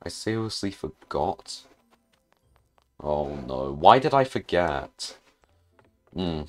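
A man's voice: low voice, sing-song, takes it slowly, soft background music. A man giving casual gameplay commentary as a gaming YouTuber, muttering hesitantly to himself with frequent restarts.

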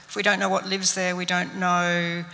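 An older Australian woman answers on stage in an earnest way, full of small restarts and fillers. Her voice is bright with a creaky edge and stays fairly flat. The handheld mic carries the long reverb of an event hall. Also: fairly low pitch, moderate pace. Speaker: museum scientist panellist. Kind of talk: panel discussion answer.

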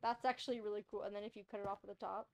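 A woman's voice: mid-range voice, fairly even intonation, racing, background noise. A young woman streaming a video game, chatting casually and rambling, with frequent laughs. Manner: bubbly, rambling, laughs often. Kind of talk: casual gameplay chat.

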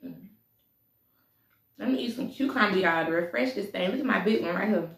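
Gravelly woman chatting between bites. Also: mid-range voice, fairly quick, a bit bright, far from the mic. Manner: chatty, laughing between bites, lots of mm sounds. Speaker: mukbang vlogger. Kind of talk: casual eating vlog chat. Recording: echoey room, voice a bit off-mic.

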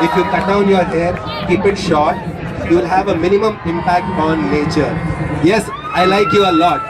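A man with a South Indian accent giving a playful speech on an outdoor stage, switching between languages. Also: high-pitched. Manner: mixes English and Kannada. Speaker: costumed contestant, radio jockey. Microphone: stage mic heard from the audience. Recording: distant, noisy open-air stadium PA with crowd.

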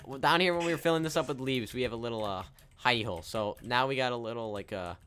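A man hosting a modded survival game let's play, chatting casually, goofy and quick to laugh. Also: medium pitch, a bit bright, a little hiss or hum. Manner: goofy, laughs often, swaps in mild swears. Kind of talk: casual gaming commentary.

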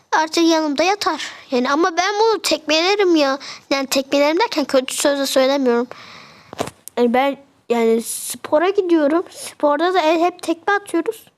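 A young woman chatting casually as she narrates a game, fretting and exclaiming as she goes. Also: high voice. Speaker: game video creator.

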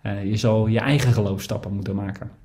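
A male guest preacher delivering a sermon in a low, mellow voice. He speaks hesitantly, with many fillers, and poses soft reflective questions. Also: fairly even intonation, fairly quick.

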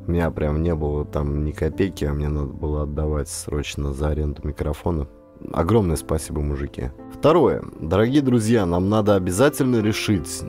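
A deep, dark-toned male voice belongs to a professional actor narrating an audiobook. His delivery is that of a dramatic storyteller, first reading scripted narration and then addressing listeners head-on.

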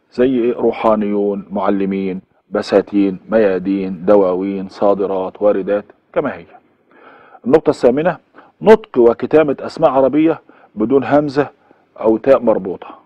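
In a dry, muffled recording, a man with a mid-range voice and an Egyptian Arabic accent gives a university course lecture. He goes through examples one at a time, repeats them, and uses fillers.

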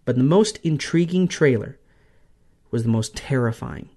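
A man hosting a history podcast, narrating a script in dramatic, emphatic phrases with pauses. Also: mid-range voice, animated, warm tone. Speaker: podcast host.

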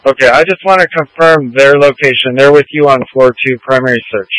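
A man's voice: medium pitch, fairly even intonation, brisk, fairly bright tone, no room sound, low-quality recording. A man working as fire incident commander, giving terse radio orders over a two-way radio. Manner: terse, directive.

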